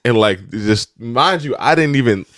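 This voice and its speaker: A young man co-hosting a podcast, chatting casually and telling animated, profane stories. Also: mid-range voice, moderate pace, dry recording, studio quality. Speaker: podcast co-host. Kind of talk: casual chat.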